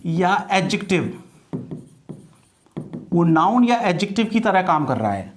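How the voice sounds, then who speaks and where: Indian man teaching English grammar. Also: high-pitched. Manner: explains patiently, repeats points and quizzes the listener. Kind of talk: grammar lesson for exam students.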